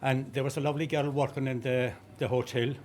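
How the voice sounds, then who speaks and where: A man's voice: mid-range voice, level tone, fairly quick, a little mellow, a little hiss or hum. Lilting Connemara Irish storyteller, a man. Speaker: traditional sean-nós singer. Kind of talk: informal oral storytelling before a song.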